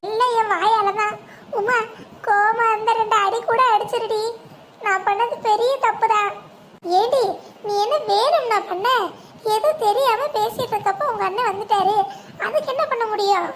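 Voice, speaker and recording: A woman's voice: very high voice, normal speed, a crowd in the background. A woman voicing a guilt-ridden young village wife in a cartoon, tearful and pleading. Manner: tearful, self-blaming, pleading. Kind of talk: cartoon voice acting. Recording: steady background noise.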